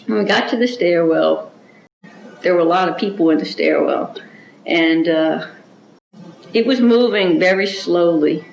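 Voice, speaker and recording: A woman giving an oral history interview, recounting events in a measured, reflective way with small restarts. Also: on the low side, a little hiss or hum. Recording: roomy, dull-sounding recording.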